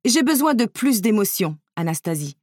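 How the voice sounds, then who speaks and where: Storybook stepmother, strict and exacting, raised pitch and volume; a woman reader puts her on. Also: sing-song, moderate pace, no room sound, studio quality. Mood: demanding. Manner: bossy, exacting, commanding. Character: strict demanding stepmother, haughty noblewoman.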